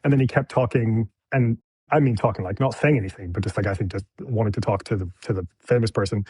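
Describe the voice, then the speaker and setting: Husky-voiced male film director guest. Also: lowish voice, fast, no room sound. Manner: animated storyteller, candid. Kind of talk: casual interview chat.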